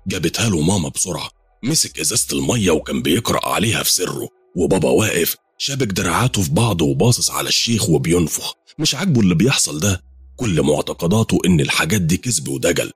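A man's voice: low voice, lively intonation, fast, breathy edge, dry recording. A man with an Egyptian accent narrating a horror story in an intense, dramatic manner. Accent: Egyptian Arabic.

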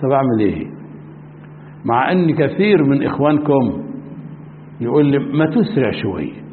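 A man with an Egyptian Arabic accent, a sheikh teaching a religious class, who keeps quizzing his students and stretches out key words slowly for emphasis. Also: medium pitch, animated. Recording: tinny lo-fi recording in a reverberant hall with faint noise.

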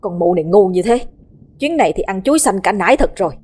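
A woman voicing a jittery young male servant who stammers and rushes his words. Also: mid-range voice, lively intonation, a little mellow, slightly rough. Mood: grumbling. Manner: hurried, stammering.

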